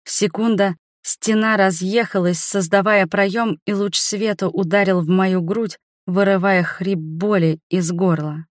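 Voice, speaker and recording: A woman narrating a fantasy novel as an audiobook in the first person, steady and dramatic. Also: medium pitch, a little slow, few pauses, no room sound, studio quality.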